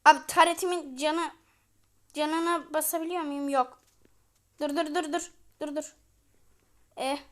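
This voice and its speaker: Excitable high-voiced woman narrating gameplay. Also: a little slow, long pauses. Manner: excitable, chants repeated words at the game; talks to the viewers as friends. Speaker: gamer and channel host. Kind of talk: live gameplay commentary.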